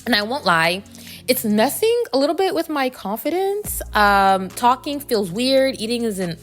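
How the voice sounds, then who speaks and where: A woman's voice: on the high side, sing-song, moderate pace, faint music behind. A woman hosting a casual, reflective solo podcast, speaking candidly and conversationally, with slightly muffled articulation from braces. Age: adult. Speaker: podcast host.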